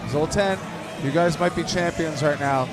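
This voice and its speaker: A man's voice: fairly high pitch, moderate pace. A man talking as a guest wrestler at a broadcast table, in wrestling promo banter. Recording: very loud crowd and music behind.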